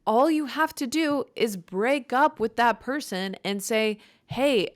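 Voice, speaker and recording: A young woman from Chicago hosting her own podcast in casual, blunt, joking chat, with vocal fry and a dry voice. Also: a little high, slow, dry recording. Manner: blunt, joking, swears freely. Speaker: podcast host.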